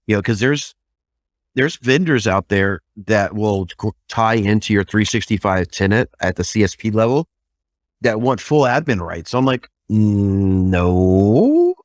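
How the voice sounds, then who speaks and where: A man's voice: fairly low pitch, no echo, clean studio sound. A man co-hosting a casual podcast conversation. He tells stories animatedly and swears mildly. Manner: animated storytelling, mild swearing.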